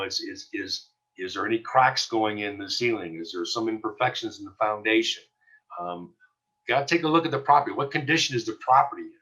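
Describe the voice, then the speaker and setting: This recorded lecture features a man teaching real estate in a bright, forceful voice that sits on the low side. Conversational in tone, he restarts sentences, uses fillers, and acts out brief exchanges.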